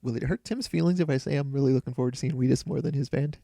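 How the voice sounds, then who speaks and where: A man's voice: medium pitch, rapid-fire, creaky, mellow, no room sound, clean studio sound. A man co-hosting a podcast in casual, conversational chat. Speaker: podcast co-host.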